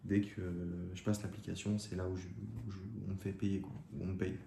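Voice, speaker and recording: Young man, casual gravelly Q&A chat. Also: deep voice, level tone, fairly quick, dark tone. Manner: casual slangy talk with many fillers and restarts. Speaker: YouTube creator answering viewer questions. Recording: echoey room with faint ambient noise.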